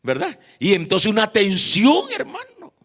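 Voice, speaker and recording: A man's voice: high-pitched, wildly swooping pitch, a little slow, a bit bright. A man with a Honduran accent preaching an evangelistic sermon in a church, who keeps addressing the congregation as "hermano" and calls for responses. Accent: Honduran Spanish.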